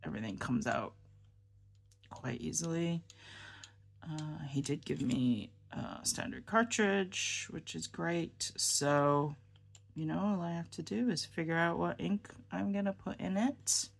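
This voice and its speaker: Tired woman vlogger, low and creaky, slow hesitant rambling chat. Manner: rambling, hesitant, with many ums and restarts. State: tired and subdued. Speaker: fountain pen vlogger. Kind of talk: casual show-and-tell chat.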